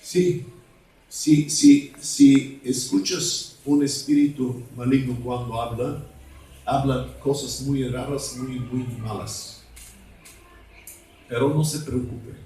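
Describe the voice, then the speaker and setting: Slow-preaching evangelist man in echoey hall. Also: medium pitch, steady tone, dark tone, slight background noise. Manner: slow, halting, asks congregation for words. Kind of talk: deliverance sermon. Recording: echoey hall, mic at a distance.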